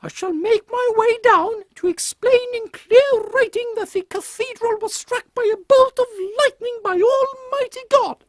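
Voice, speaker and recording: An extremely high, dry-sounding voice carries a pompous queen. She scolds in haughty, old-fashioned formal phrases, as comic audio drama, full of indignant authority. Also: unhurried, hardly any pauses, no room sound. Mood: brisk, imperious.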